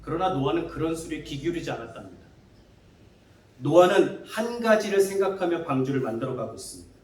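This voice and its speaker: In a church sanctuary, a male pastor preaches with a fairly high voice, big pitch swings, and a fairly quick pace. He asks the congregation questions and acts out the taunts that scoffing neighbors might have made. The recording sounds echoey, captured from far off in the hall.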